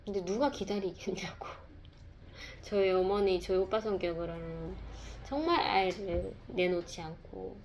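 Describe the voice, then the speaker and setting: Woman, conversational testimony, mid-pitched, soft and reflective, faint background hiss. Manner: soft-spoken and reflective, with pauses and fillers. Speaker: speaker sharing a personal testimony. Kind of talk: casual testimony talk.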